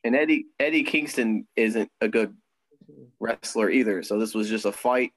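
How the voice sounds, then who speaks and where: A man's voice: on the low side, normal speed, dry recording, rough recording. A young man co-hosting a podcast in casual chat, talking easily with frequent ums and laughs. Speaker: podcast co-host. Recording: dry close sound.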